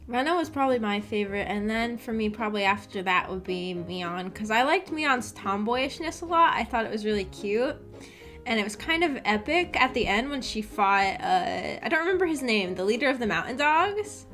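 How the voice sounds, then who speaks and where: Faint music plays behind this streamer as she runs her visual novel book club, chatting casually with viewers. Her voice is a little high and fairly bright, with lively intonation and a moderate pace, and she's enthusiastic and informal, saying "like" constantly.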